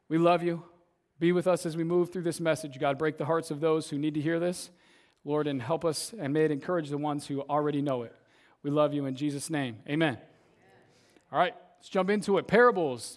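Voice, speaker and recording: A young youth pastor with a fairly high voice leads a church service, delivering a laid-back, conversational sermon. He sounds slightly raspy from earlier shouting and keeps ending his points with "right?" to check in with the congregation.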